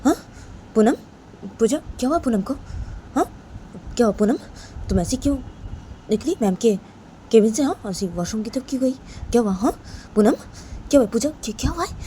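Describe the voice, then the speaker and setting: A woman's voice: on the high side, animated, fairly quick, long pauses, warm tone, a little hiss or hum, pitched above the performer's own voice, close to an everyday voice. A woman doing a puzzled young male coworker. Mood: concerned. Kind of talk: storybook narration acting.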